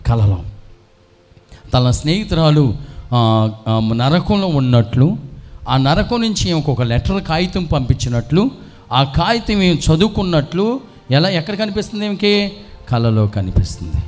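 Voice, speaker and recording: A man's voice: fairly high pitch, big pitch swings, a little slow, pauses often. A man with a Telugu accent, a priest preaching a dramatic sermon full of rhetorical questions. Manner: dramatic storytelling, rhetorical questions, sudden rises to near-shouting. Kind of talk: sermon with acted quotes.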